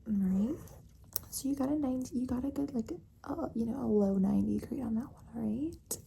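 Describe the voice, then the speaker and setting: A woman playing a doting, flirtatious teacher in an ASMR role-play, speaking in a soft, breathy, creaky soft voice as if confiding a secret, often pausing to seek agreement. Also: fairly high pitch, slight background noise. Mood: reassuring, conspiratorial.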